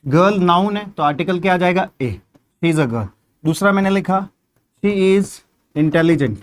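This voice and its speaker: A man's voice: sits high, expressive, a little slow. A man with a Hindi accent teaching an exam-prep grammar lesson, explaining step by step and asking questions that he then answers himself.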